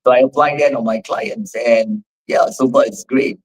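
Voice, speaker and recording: This guest, a Singaporean fitness trainer and gym owner in his forties, has a husky, darkish mid-range voice at a normal pace. Captured in low quality, he answers interview questions in a wandering way with many fillers.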